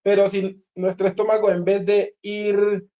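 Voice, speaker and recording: This is a singing teacher guiding a group lesson, explaining step by step and often pausing to check that everyone follows. The voice sounds mellow and of middling pitch. The recording comes across dull and muffled. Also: flat delivery. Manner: patient, repeats points and checks in with listeners.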